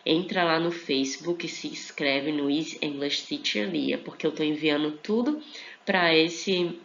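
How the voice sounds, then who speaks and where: A woman teaching English in a casual online lesson. She talks from home at night, explains slowly, repeats example phrases and checks in often with her students. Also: low voice, vocal fry, a bit bright. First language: Portuguese. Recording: dull lo-fi sound with faint hiss.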